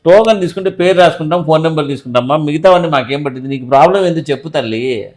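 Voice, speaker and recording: A man's voice: on the high side, rapid-fire, a little mellow. A man playing an exasperated doctor in a comic sketch. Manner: exasperated, pleading.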